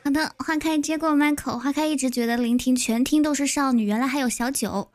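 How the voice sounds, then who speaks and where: A woman's voice: high-pitched, a little fast, faint music behind. A woman moderating an online voice-chat debate, announcing each turn with light jokes. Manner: announcing turns, lightly joking. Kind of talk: hosting an online voice-room debate.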